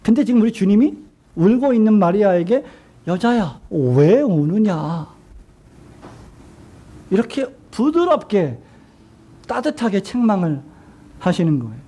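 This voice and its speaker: High, mellow-voiced male preacher. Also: very animated. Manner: asks the congregation questions and has them repeat lines; slows down and drops his voice when quoting Jesus. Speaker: pastor. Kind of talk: sermon.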